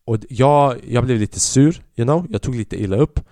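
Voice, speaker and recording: A young man hosting his own podcast, telling a comedy club story in a profane, animated way and acting out other people's voices. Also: medium pitch, dry recording, clean studio sound. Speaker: podcast host and stand-up comedian.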